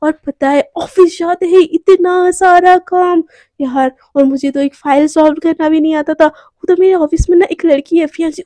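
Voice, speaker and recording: Casting: a woman doing an excitable young college girl, chatty and teasing, high mellow voice, dry sound. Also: dry recording. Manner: chatty and playful.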